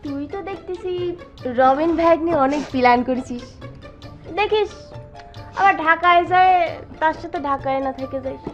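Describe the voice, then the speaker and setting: A woman's voice: sits high, moderate pace, fairly bright tone, soft background music. An actress playing a cheeky younger sister who teases her elder sister. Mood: teasing. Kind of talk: rural comedy drama acting.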